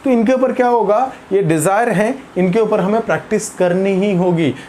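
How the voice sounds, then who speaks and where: An English teacher from India runs a spoken grammar lesson at a middle pitch, drilling one example sentence after another. The English phrases come out slow and deliberate, with frequent short words of encouragement between them. A faint noise sits underneath. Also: warm tone. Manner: repeats "very good" and "ठीक है" as encouragement.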